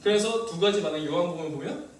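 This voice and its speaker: A male pastor preaching a sermon, lively and asking the congregation questions. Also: high voice, quick pace, heavy reverb, recorded from a distance, a little hiss or hum, rough recording. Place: church hall.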